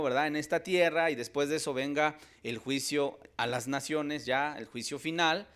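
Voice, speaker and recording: A male preacher delivers a Bible study sermon. His voice sits a little high for a man. He is emphatic, rises to loud peaks, then drops soft. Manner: emphatic, swings between loud and soft, calls listeners "hermanos". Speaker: pastor.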